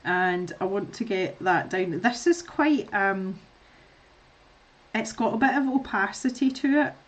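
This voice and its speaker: A woman's voice: mid-range voice, expressive, a little slow. A middle-aged woman with a Scottish accent chatting casually to viewers while she colours, rambling and laughing often. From Scotland. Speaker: art streamer.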